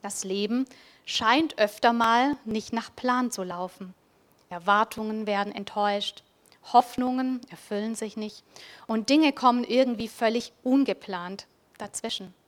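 A woman giving a reflective Christmas devotional, speaking directly to the listener and at times dropping to a soft near-whisper. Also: fairly high pitch, measured pace. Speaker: preacher.

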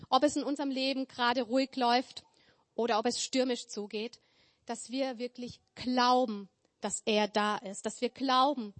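A woman's voice: a little high, fairly even intonation, moderate pace. A woman preaching a sermon in an earnest, emphatic way, building her points through repetition. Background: church hall with tables.

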